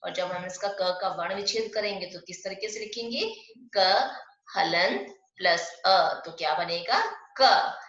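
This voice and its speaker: A woman teaching an online Hindi class to young pupils. She explains step by step, asks questions and answers them herself, and slows down to stress the sounds of example words. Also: medium pitch, a bit bright. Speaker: primary school Hindi teacher. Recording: echoey, dull lo-fi room sound.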